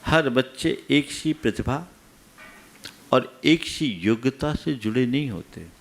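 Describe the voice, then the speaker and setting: A man's voice: mid-range voice, expressive, takes it slowly. A man, a monk, giving a sermon that questions his listeners and teaches through everyday anecdotes. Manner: asks the audience rhetorical questions. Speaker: Jain monk preacher.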